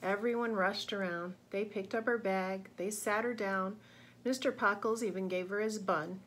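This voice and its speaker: A woman reading a children's picture book aloud, expressive and pausing to ask young listeners questions. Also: mid-range voice, a little hiss or hum. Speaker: read-aloud narrator.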